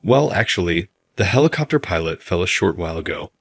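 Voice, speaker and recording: A troubled tour staffer explains hesitantly and apologetically, as a male narrator reads his lines. The voice is deep, husky and close. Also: lively intonation, brisk, fairly bright tone, dry recording, exaggerated voice. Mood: flustered.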